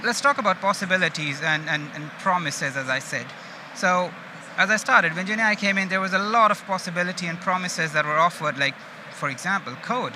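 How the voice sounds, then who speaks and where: With a high-pitched voice and fairly quick delivery, an Indian-accented data engineering manager from India speaks informally at a conference, often engaging his listeners directly. The talk takes place on an open stage at a busy exhibition, recorded amid the hall's loud noise.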